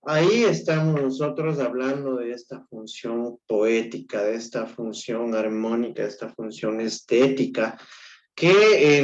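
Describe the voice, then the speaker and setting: A male teacher with an Ecuadorian Spanish accent lectures his class at a slow, deliberate pace and medium pitch. He goes step by step, often checks that students are following, and stumbles over and repeats words. The audio is dull and lo-fi.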